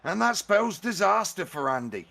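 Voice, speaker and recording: Male commentator, gravelly voice, chatty, excitable, casual live match commentary, repeats himself for emphasis. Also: sits high, normal speed. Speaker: esports-style match commentator.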